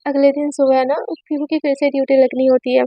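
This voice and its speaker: A woman's voice: high voice, level tone, a little fast, no room sound, lo-fi sound. A young woman casually retelling a romance story and voicing the characters' lines as she goes.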